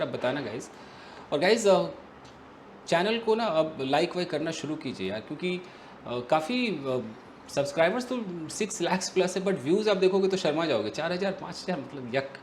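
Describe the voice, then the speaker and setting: Guy teaching english, kinda high voice, energetic, faint hiss behind. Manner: lively, animated explaining with emphatic repetition; reads English examples slowly and deliberately. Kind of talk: casual online English lesson.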